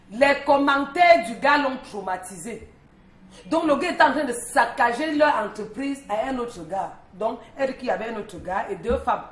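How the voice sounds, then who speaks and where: A talkative woman tells a story with teasing energy, her voice sitting a little high. The studio around her rings with echo, and there is a faint hum of ambience behind her. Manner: animated, talkative, teasing, chatty street-story telling. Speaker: morning show columnist. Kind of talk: lively storytelling chat.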